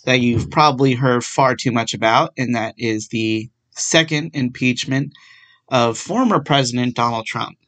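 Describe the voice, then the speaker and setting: A young adult law student runs a one-man podcast where he unpacks a legal topic in a casual way, full of self-deprecation and dry sarcasm. His voice is medium-pitched and gravelly.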